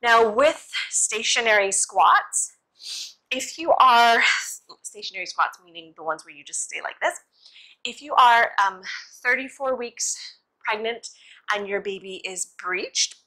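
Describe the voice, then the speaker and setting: Young woman, bright forward voice, casual yoga-teacher delivery, encouraging and informal, for an instructional demo. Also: a little high, animated, measured pace, rough recording.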